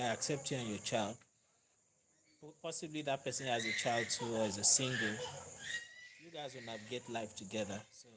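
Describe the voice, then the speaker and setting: A Yoruba-first-language Nigerian man hosts a live stream with a mid-range voice amid background noise. He reads viewer comments casually, easily breaking into laughter and offering warm thanks to his audience.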